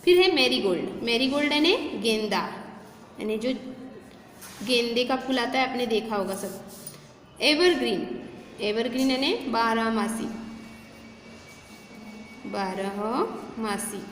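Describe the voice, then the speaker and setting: Indian lady teacher, high voice, says every word twice real slow for little kids, echoey room. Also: animated. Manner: repeats each word slowly, speaking to children. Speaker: schoolteacher. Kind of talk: classroom lesson for young children. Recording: echoey room with faint background noise.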